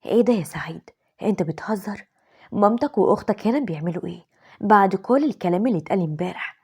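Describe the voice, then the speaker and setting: A woman with an Egyptian accent voicing a firm, indignant young wife in an animated story, in a breathy voice. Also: mid-range voice, rapid-fire.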